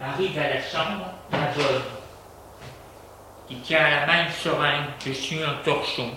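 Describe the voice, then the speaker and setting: A man reading a story aloud in a measured, plain narrating manner. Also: fairly high pitch, fairly even intonation, noisy background.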